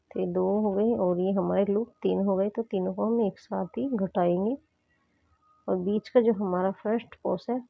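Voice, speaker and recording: A woman's voice: mid-range voice, gravelly, slightly rough, no room sound. A woman with a sore throat patiently teaching crochet step by step, often pointing out what to look at as she works. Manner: patient, repeats "dekhiye" while demonstrating. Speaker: crochet tutorial host. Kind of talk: step-by-step craft instruction. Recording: tinny phone-like sound.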